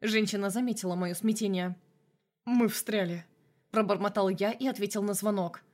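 A woman reading a novel aloud in scripted narration, telling it as a male first-person hero in a steady storytelling voice. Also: mid-range voice, brisk. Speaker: audiobook narrator.

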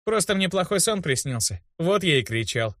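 A man's voice: fairly high pitch, animated, fast talker, fairly bright tone, no room sound, clean studio sound, pitched above the performer's own voice. A male audiobook reader voicing a cocky young hero with a grown-up mind, talking in a wry, self-assured, placating way. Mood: defensive. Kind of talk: audiobook character voice.

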